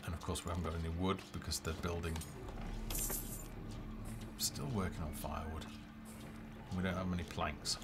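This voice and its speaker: Low-voiced and level in tone, this man talks at a moderate pace with long pauses as he streams himself playing, being a game developer. His live commentary is casual and half-muttered, heard over game music and unit voices.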